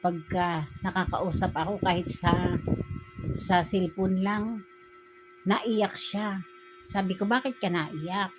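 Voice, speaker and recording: A woman's voice: lowish voice, little pitch movement, takes it slowly, pauses often, rough recording. A woman vlogger telling her viewers a personal story in a casual, emotional way. She keeps retelling conversations, often repeating how she said it. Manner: emotional, grows quiet and subdued. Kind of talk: casual spoken storytelling vlog. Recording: music playing behind the voice.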